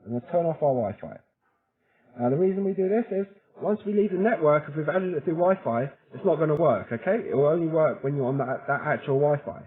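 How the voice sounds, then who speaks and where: A man walks through a casual how-to tutorial in a chatty, informal way, frequently checking in with the listener as he explains each step. His voice sits on the high side, expressive and a little fast, and the audio is thin and narrow-band like a phone.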